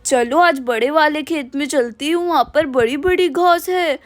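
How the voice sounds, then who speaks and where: A woman's voice: high voice, normal speed, dry recording, studio quality, lightly acted. A woman voicing a bossy, fussy old village grandmother in a doll cartoon, grumbling and scolding.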